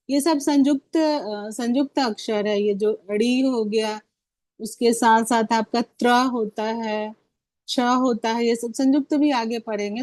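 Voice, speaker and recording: Patient woman teacher explaining, higher voice. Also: a little mellow, no room sound. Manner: patient, explanatory, asks frequent rhetorical questions. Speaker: Hindi teacher training other teachers. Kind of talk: online teacher-training class.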